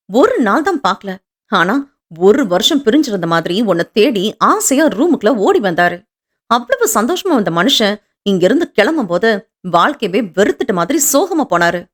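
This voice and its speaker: A woman voicing a sharp-tongued young sister who scolds briskly and insistently. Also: medium pitch, lightly acted.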